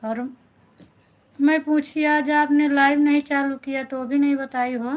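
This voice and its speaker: Middle-aged lady from north india chatting on a phone live stream, bit high pitched, reads out names, says thank you over and over. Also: level tone, a little slow, poor audio. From Awadh, north India. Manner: chatty, warm-toned greetings, repeats thanks, reads out viewer names. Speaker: folk singer hosting a live stream. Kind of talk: casual live-stream chat with viewers.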